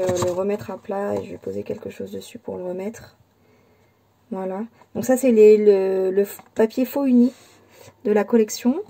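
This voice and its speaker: Casting: woman, crafting vlogger, very dark mellow tone, halting casual delivery. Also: mid-range voice. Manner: hesitant, many fillers and restarts. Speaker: scrapbooking channel host. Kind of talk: casual crafting show-and-tell.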